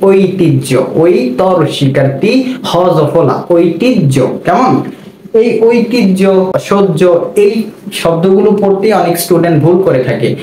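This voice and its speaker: Man, high voice, patient teacher, slow repeated syllables, roomy echo, faint hiss. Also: lively intonation, darkish tone. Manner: slow, repeats each sound twice, quizzes listeners. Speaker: Bengali language teacher. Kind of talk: spelling and pronunciation lesson. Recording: roomy with faint background noise.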